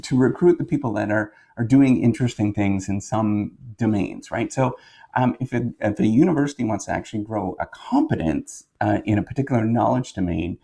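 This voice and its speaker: A Canadian-accented professor who hosts videos gives a casual explainer monologue, halting and rambling as he corrects himself and checks in with listeners. His voice is lowish, gravelly, and warm.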